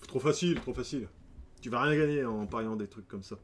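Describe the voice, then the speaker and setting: A male game streamer talking casually through a live session, full of joking asides to his chat. His voice sits at an ordinary, middle pitch. A faint hiss of noise lies under it.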